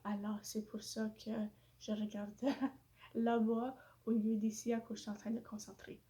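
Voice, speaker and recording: A woman talks slowly through a casual vlog, her French carrying an English-influenced accent. Her slightly high voice sounds mellow and flat in pitch. She pauses often on fillers and apologizes, self-conscious about how she speaks. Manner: hesitant, searching for words, many fillers. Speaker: vlogger.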